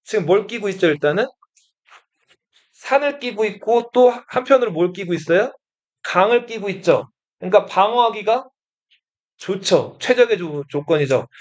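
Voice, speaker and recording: A man's voice: sits high, lo-fi sound. A male history teacher lecturing a class, often asking the students questions and repeating their answers.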